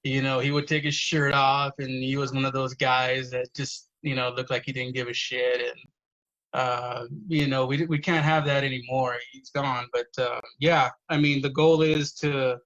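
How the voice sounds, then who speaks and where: On a casual podcast, a poet guest shares stories with earnest conviction, cursing and dropping plenty of "you know"s. He speaks at medium pitch in a level tone at normal speed, a bit bright, though the lo-fi sound is dull.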